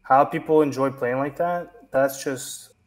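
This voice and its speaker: A man's voice: medium pitch, steady tone. A man chatting casually over a headset while gaming, blunt and swearing, calling out enemy positions. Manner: blunt, swears freely, quick callouts. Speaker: gamer. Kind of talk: casual chat while playing.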